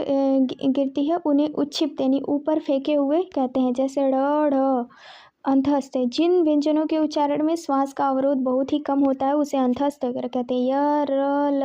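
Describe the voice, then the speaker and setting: A woman with a high-pitched, mellow voice teaches an exam-prep grammar lesson. She reads out letters one at a time and stops to correct herself. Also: lo-fi sound. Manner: reads lists of letters item by item, self-correcting.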